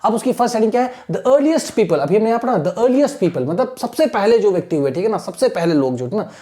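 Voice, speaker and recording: A man teaching a classroom lesson, reading English aloud slowly and explaining patiently, checking in with his students after nearly every sentence. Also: high voice, animated, mellow.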